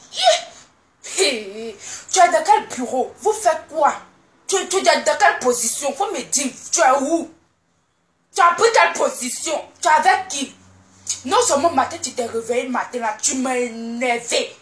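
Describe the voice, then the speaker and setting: A woman's voice: high-pitched, fairly bright tone. A woman playing a scolding pregnant wife. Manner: scolding, rapid-fire questioning. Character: moody demanding pregnant young wife. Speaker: comedian. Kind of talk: comedy sketch monologue. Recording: echoey room.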